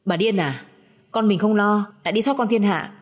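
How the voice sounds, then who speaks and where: A woman's voice: mid-range voice, normal speed, in a large hall, close to an everyday voice. A woman voicing a violent, threatening young husband in a spoken audio story, with harsh, menacing delivery.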